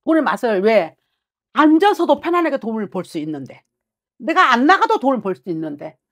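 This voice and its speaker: A woman's voice: fairly high pitch, big pitch swings, brisk. A middle-aged woman works as a fortune teller and talks from her desk in a small shrine office. She is blunt and scolding, and she speaks her client's inner thoughts aloud, pressing hard on every point. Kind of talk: fortune-telling consultation.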